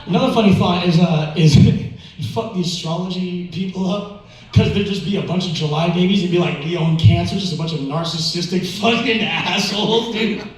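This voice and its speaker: A man with a fairly high voice performs amateur stand-up in a very echoey room, picked up from a distance. His delivery is casual, sweary and slangy, stumbling and stalling hesitantly as he repeats himself. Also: moderate pace. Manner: hesitant, with stammered repeats and filler-laden stalling. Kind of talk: stand-up comedy at an open mic. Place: indoor open mic venue.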